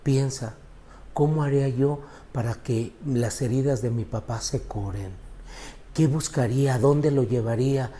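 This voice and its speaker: Expressive storytelling priest, dark voice. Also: male voice, a little slow, slight background noise. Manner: storytelling, dramatic swings in pitch and loudness. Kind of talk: homily reflection with personal story.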